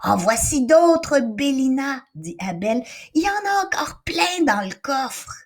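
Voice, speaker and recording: A woman voicing a nervous but proud young boy in a storybook reading, speaking in a lower, hushed, hesitant voice. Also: very animated, takes it slowly, full character voice. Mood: eager.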